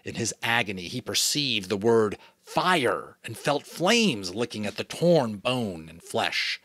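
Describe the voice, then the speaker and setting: In a lowish voice and an unhurried pace, a New England dad narrates an audiobook with dramatic flair and offhand asides. The recording has no echo, and his storytelling is lively and expressive in a New England American accent.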